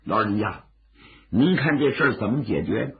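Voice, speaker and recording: A male storyteller voicing a gruff, earthy bandit chief in a traditional tale, gravelly and dramatic. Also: on the low side, expressive, moderate pace, reverberant, slight background noise. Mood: respectful, worried. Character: gruff young bandit chief, troubled but respectful to elders. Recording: dull, lo-fi audio.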